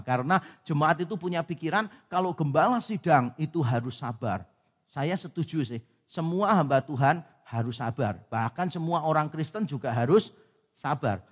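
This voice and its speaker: High-voiced pastor preaching in a hall. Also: male voice, breathy edge. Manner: conversational preaching with acted-out asides. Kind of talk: sermon.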